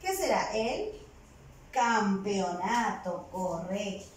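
A woman with a medium-pitched, sing-song voice teaches a virtual primary class, dictating words slowly and patiently syllable by syllable. She's recorded away from the mic in an echoey room, with slight background noise.

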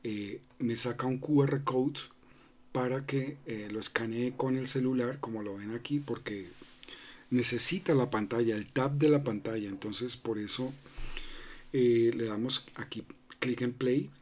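Speaking at a measured pace, a man with a medium-pitched, slightly mellow voice guides viewers through a screen-recorded crypto walkthrough, with a little hiss or hum in the audio. His delivery is relaxed and full of fillers and restarts, punctuated by the tag question "¿no?".

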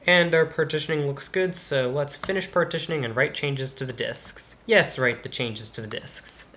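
A young man runs a tech channel from his bedroom studio, computer screens behind him, casually narrating each step of a computer install in a screen-recorded tutorial. His medium-pitched voice sounds bright and forceful.

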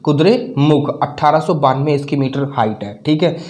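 A man from North India teaching a map lesson, halting over names and asking and answering his own questions. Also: fairly high pitch, a little mellow. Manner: halting, repeats names, asks and answers himself.

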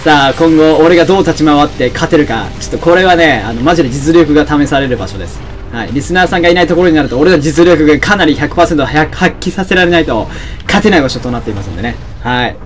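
A young man giving excitable let's-play commentary, often shouting and laughing at the action. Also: fairly high pitch, quick pace, soft background music. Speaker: game commentator.

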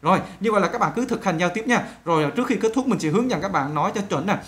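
A woman teaching an online English lesson. She explains in Vietnamese, speaks straight to the viewers, and says English phrases slowly for learners to repeat. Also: mid-range voice, expressive. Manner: addresses viewers directly and often.

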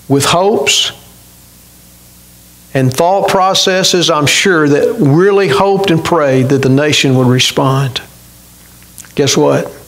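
Middle-aged guy preaching at a church pulpit, kinda high voice, earnest, keeps asking the crowd questions. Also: fairly bright tone, poor audio. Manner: earnest, addresses congregation directly with questions. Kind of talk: sermon. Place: church sanctuary, indoors, at a pulpit.

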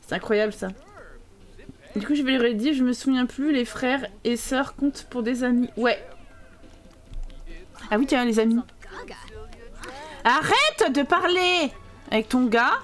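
High-voiced chatty woman streaming a game. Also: steady tone, normal speed, pauses often, soft background music. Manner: chatty, teasing and sarcastic toward viewers. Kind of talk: live gameplay commentary reading chat.

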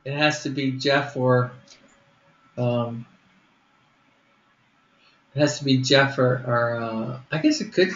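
A man organizing a group over a call, walking through who plays which part and thinking aloud as he goes. His voice sits at an ordinary middle pitch. The sound is roomy and muffled, with a faint background hiss. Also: slow pace, pauses often. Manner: explains step by step, thinking aloud. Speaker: group leader planning a skit. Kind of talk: casual planning on a group call.

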